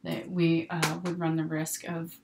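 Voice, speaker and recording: Working at a table indoors, a middle-aged woman runs a hands-on sewing tutorial on a live stream, chatting casually as she narrates each step. She speaks at a measured pace in a low voice with vocal fry. Paper rustles and clicks sound over steady noise in this noisy home recording.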